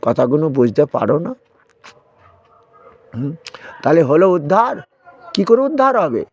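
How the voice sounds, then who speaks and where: A man's voice: fairly high pitch, big pitch swings, unhurried, darkish tone, breathy edge, dull audio. Man preaching, scolding with questions. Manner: admonishing, rhetorical questions to listeners. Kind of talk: devotional sermon with chanting.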